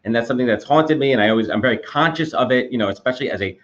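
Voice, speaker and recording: With a mid-range, fairly bright voice, a podcast host conducts a conversational interview at a quick, enthusiastic clip, frequently repeating words. He sounds a bit stuffed up from a cold, and the audio is dull.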